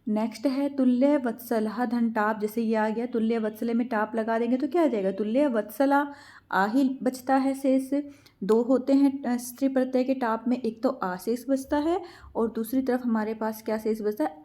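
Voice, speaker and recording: A woman teacher explains exam answers in a patient, step-by-step way. She poses questions and then answers them herself. Her voice is slightly high but mellow and soft. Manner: patient, asks and answers her own questions, calls students "beta".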